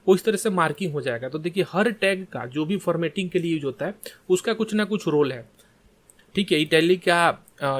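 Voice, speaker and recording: A man's voice: fairly high pitch, fairly bright tone. A man teaching a screen-share coding lesson in Hindi mixed with English tech terms, often checking in with "ठीक है". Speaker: coding tutor.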